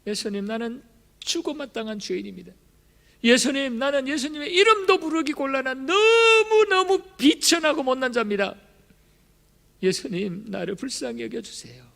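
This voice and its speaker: A man's voice: very high voice, animated, unhurried, gravelly, darkish tone, exaggerated voice. A pastor voicing a desperate blind beggar man, imploring and tearful as he begs for mercy. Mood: pleading. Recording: long church reverb.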